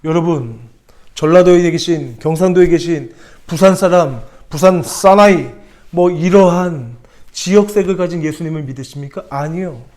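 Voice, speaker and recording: A middle-aged man, a senior pastor, preaching a sermon with emphatic delivery that swings between loud stressed words and hushed lines. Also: on the high side, moderate pace.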